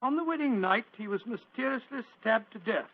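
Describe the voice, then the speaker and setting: An actor playing an elderly, courteous British Doctor Watson in a vintage radio drama, chuckling and hesitating as a storyteller. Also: male voice, extremely high pitch, expressive, fairly quick, heavily acted. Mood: reminiscing. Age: older. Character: genial, doddering elderly Doctor Watson, storytelling old gentleman. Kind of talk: 1940s radio acting. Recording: dull, lo-fi old radio recording.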